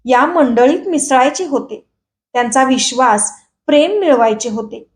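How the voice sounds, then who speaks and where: High-voiced woman reading a novel aloud. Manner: calm, measured storytelling. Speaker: audiobook reader. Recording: echoey room.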